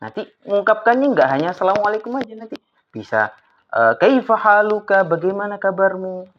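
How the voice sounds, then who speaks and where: A woman teaching an Arabic class to children, coaxing her pupils with lively questions. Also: mid-range voice, a little fast. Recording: slightly dull lo-fi with faint noise.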